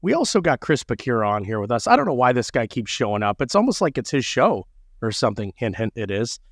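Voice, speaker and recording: Brief: male podcast host, playful, lively pitch, dry close recording. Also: quick pace, dry recording. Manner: playful, joking. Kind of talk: casual podcast chat.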